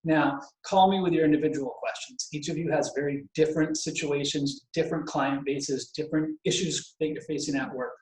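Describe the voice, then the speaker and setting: A man's voice: on the high side, fairly even intonation, brisk, few pauses, darkish tone. A man giving a casual spoken presentation on professional duties as a bar counsel, chatty and digressive, a speaker who admits he tends to ramble. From Vermont. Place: home garage. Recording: echoey garage.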